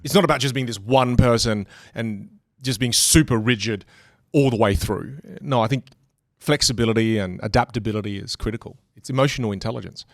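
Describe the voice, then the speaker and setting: Appearing as a podcast guest, a man talks about communication in a lively, casual way, imitating other people's voices as he goes. His Australian accent tilts British, and his mid-range voice is fairly quick with some vocal fry, captured dry at studio quality.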